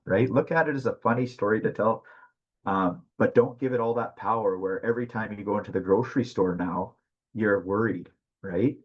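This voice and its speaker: A man presenting a mental health webinar in a conversational teaching style, talking fast and often checking in with "right?". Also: mid-range voice, muffled recording.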